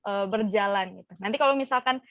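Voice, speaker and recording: A woman's voice: medium pitch, quick pace, no echo. A woman hosting a casual podcast interview, chatty with many fillers and affirming murmurs. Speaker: podcast host. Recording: dull dry lo-fi sound.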